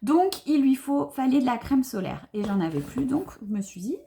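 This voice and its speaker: A woman's voice: high-pitched, very animated, moderate pace, warm tone, slight background noise. A young woman, chatting enthusiastically to camera as she unboxes beauty products, with many fillers. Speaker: beauty vlogger. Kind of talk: casual unboxing chat to camera.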